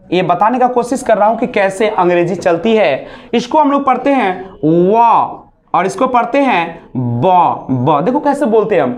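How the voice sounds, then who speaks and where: A man teaching a basic spoken English class. He demonstrates sounds aloud, mixes English phrases into his speech and asks rhetorical questions. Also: sits high. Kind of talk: classroom lesson.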